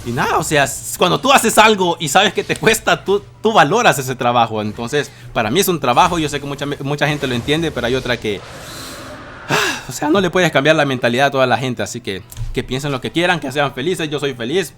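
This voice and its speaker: A man's voice: a little high, expressive, brisk, a bit bright, soft background music. A young man in his twenties answering viewer questions in a casual vlog from his bedroom, swearing often and breaking into dramatic outbursts. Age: 20s. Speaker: youtuber.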